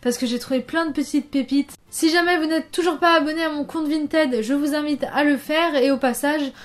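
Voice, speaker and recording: Young female vlogger, high-pitched, bubbly and chatty with many fillers, casual try-on haul talk. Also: fairly quick. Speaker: fashion vlogger.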